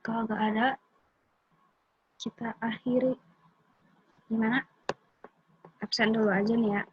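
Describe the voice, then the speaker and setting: A woman's voice: fairly high pitch, flat delivery, measured pace, slightly rough, muffled recording. Hesitant young woman presenting in class. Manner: informal, hesitant, many fillers. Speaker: student presenter.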